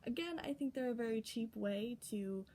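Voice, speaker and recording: A woman's voice: on the high side, animated, normal speed, mellow. A young adult woman chatting casually and animatedly to camera, recording herself outdoors in the wind. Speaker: vlogger talking about writing. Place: outdoors in the wind, with wind chimes nearby. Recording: windy outdoor noise.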